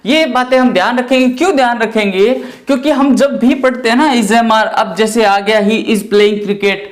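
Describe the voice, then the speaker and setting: A man's voice: very high voice, normal speed. A middle-aged man, teaching a grammar lesson and stepping through it by asking and answering his own questions. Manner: explains step by step, often asks and answers his own questions. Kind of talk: classroom lecture.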